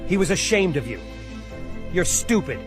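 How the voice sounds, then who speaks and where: A greedy, bullying heir in a scripted drama. His voice sits fairly high and swings in pitch, dry and close, dismissive of everyone, with music behind. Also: big pitch swings, moderate pace. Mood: scornful. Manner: scornful, dismissive.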